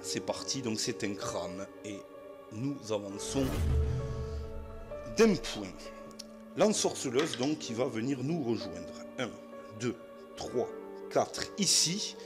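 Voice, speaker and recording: A man's voice: mid-range voice, very animated, slow pace, pauses often, music in the background. A man with a southwest French accent, narrating a solo board game in a chatty way, full of fillers. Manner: chatty, many fillers, addresses viewers as friends.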